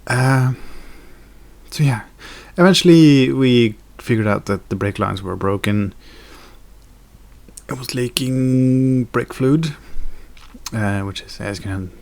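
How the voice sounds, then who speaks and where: A man's voice: medium pitch, takes it slowly, creaky, darkish tone. A young man chatting casually in a daily vlog, rambling with fillers and self-corrections. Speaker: video blogger.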